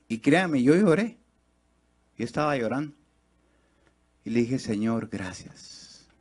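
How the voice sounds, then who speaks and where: A man preaching a sermon in church, his delivery rising into loud, high, fast bursts of exhortation and then sinking to low, slow, nearly hushed lines. He keeps turning to the congregation with rhetorical questions.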